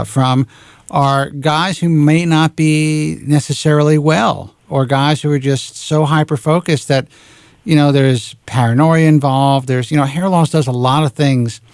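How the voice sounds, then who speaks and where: A man in his forties hosts a talk radio show into a studio microphone, speaking frankly and with a casual curse here and there. His voice has a gravelly, creaky edge and sits in a middle pitch. The sound is close and dry, with no room echo. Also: moderate pace, a little mellow. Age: 40s. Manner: frank, blunt, swears casually.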